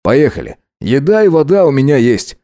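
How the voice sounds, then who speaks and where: A man's voice: medium pitch, very animated, dark tone, no room sound, clean studio sound, natural voice. Man playing a smug, teasing rich guy. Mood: mocking, casual. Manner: teasing, self-satisfied, unhurried. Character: smug, wealthy young man who mocks and teases. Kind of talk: audiobook drama acting.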